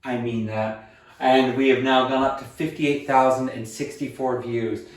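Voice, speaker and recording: A man's voice: mid-range voice, fairly even intonation, a little slow, far from the mic. A man in his late twenties talking casually and earnestly in a vlog, upbeat and self-encouraging, with fillers and restarts. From USA. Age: 20s. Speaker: vlogger. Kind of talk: casual weight-loss vlog. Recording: echoey room, voice off-mic at times.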